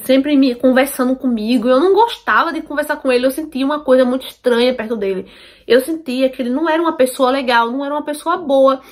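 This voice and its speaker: A woman tells a personal story to her viewers, emphatic and repeating herself, often checking that they follow. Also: sits high. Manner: emphatic, repeats herself, asks listeners for agreement.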